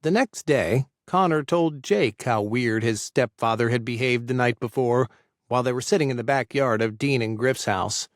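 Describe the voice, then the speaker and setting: A male narrator reading an audiobook at a mid pitch. His delivery is steady and measured, in a dry, close sound. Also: no echo.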